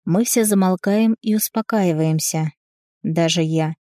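A woman narrating a first-person novel in a wry, confiding tone. She reads slowly in a mellow, soft voice. The recording is dry and close. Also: lowish voice, no room sound. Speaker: audiobook narrator.

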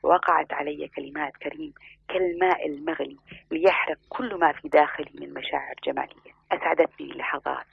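A man's voice: fairly high pitch, fairly even intonation, a little fast, creaky, breathy edge, no room sound. A man reading a first-person story aloud in an earnest, flowing way. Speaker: narrator. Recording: muffled lo-fi recording.

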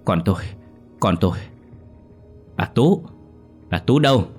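Man playing a frantic older husband, stammering, deep voice, faint music. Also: normal speed, slightly rough.

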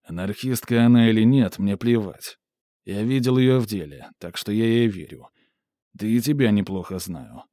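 A man voicing a burly male stoker who threatens in a mockingly gentle, slangy way. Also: on the low side, normal speed, dry recording, studio quality, lightly acted. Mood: menacing.

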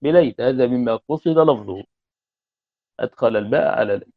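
A man teaching Arabic grammar, commenting on a text and reciting quotations slowly. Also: mid-range voice, dry recording. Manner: explains slowly, reciting quotations drawn out, clears throat often. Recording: tinny phone-like line.

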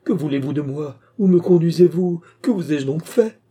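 A terrified young woman begs and cries out in a high, breaking voice, as a male narrator puts her on. The tone stays dark and husky beneath the strain. It is the voice of a read-aloud storybook. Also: animated, moderate pace. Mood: pleading, desperate.

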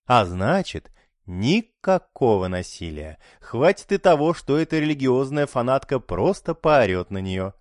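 A man narrating an audiobook in an expressive, dramatic reading style. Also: mid-range voice, a little slow, dry recording, clean studio sound.

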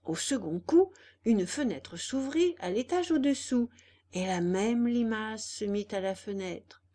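Woman, storybook narration, slow, fairly high voice, expressive. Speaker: audiobook reader.

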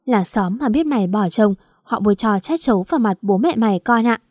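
A woman's voice: mid-range voice, animated, a little fast, darkish tone, no echo, studio quality, lightly acted. A woman voicing an anxious old village mother. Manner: anxious, scolding, pleading. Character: worried rural mother, older woman.

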